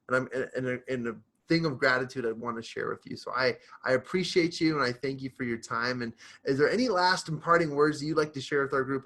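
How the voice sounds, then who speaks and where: A man's voice: mid-range voice, fairly bright tone. A male podcast host, effusive and enthusiastic as he wraps up an interview. He keeps stumbling into repeated restarts before pressing on with his point. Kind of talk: casual interview wrap-up.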